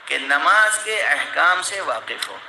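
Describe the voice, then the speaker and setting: A man's voice: a little high, big pitch swings, vocal fry, pushed and bright. A man preaching a sermon to a gathering, explaining points emphatically and breaking into scolding outbursts. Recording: echoey hall from far off with noise.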